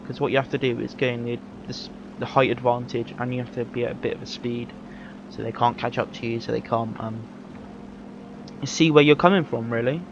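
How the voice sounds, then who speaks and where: A man chats through his gameplay in a loose, easygoing way, often stopping to correct himself. His mic sounds dull and lo-fi. Engine and game sounds run clearly underneath him. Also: medium pitch, steady tone, fairly quick. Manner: rambling, self-correcting, easygoing. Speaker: gameplay commentator. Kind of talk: casual live gameplay commentary. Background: game engine and vehicle noise.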